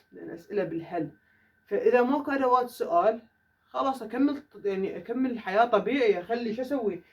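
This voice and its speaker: A man with an Iraqi Arabic accent teaching an English grammar lesson in a classroom, saying the English examples slowly and carefully. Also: very high voice. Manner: says English example sentences slowly and deliberately. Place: classroom with a whiteboard. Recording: voice from far off the mic.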